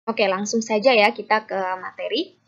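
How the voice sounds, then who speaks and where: A woman English teacher with an Indonesian accent, giving a class lesson and reading model sentences slowly for her pupils to repeat. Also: medium pitch, fairly even intonation. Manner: slow, drawn-out model sentences for repetition. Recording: muffled lo-fi recording.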